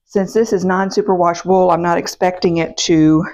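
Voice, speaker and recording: A woman chatting casually to her camera as a vlog host, her voice still a little rough in the morning, meandering with fillers and self-corrections. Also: on the low side, flat delivery, normal speed, a little mellow. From United States. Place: home, indoors. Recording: dull, muffled sound.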